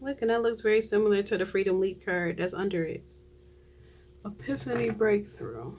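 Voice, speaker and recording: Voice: mid-range voice, normal speed, darkish tone, slight background noise. A tarot reader giving a casual reading to viewers, chatty, often trailing off and restarting, with frequent laughs.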